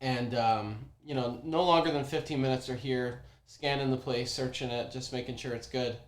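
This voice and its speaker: A young man casually telling a personal story, animated, with many ums and restarts. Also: medium pitch, moderate pace. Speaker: former oyster bar worker telling a story. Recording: roomy echo.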